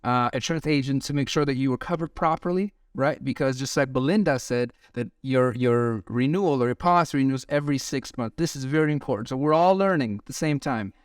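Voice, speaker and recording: A man's voice: medium pitch, a little fast, few pauses, smooth, dry recording, clean studio sound, far from the mic. A man co-hosting a casual talk show, upbeat and enthusiastic as he reacts to his guests and sums up their points. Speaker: podcast co-host. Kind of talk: casual chat.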